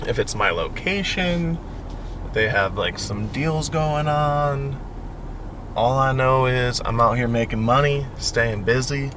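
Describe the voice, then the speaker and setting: A man talking casually and chattily to viewers in an upbeat vlog update as a food delivery driver. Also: mid-range voice. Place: in and around a car, between deliveries. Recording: clear car and street noise.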